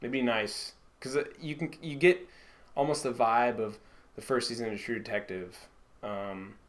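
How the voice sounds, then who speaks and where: A man co-hosting a casual podcast chat, rambling and swearing freely, his sentences often trailing off quietly. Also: medium pitch, fairly even intonation, normal speed. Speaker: podcast co-host.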